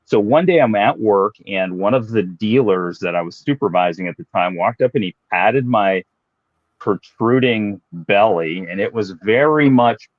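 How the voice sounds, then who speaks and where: A deep-voiced man in his late fifties talks through his fitness journey with easygoing, self-mocking humor. The sound is dry and a bit dull, as if recorded close in a dead room. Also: normal speed, no room sound. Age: 50s. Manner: relaxed, self-deprecating, explanatory. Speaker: guest, fitness professional. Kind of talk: casual interview storytelling.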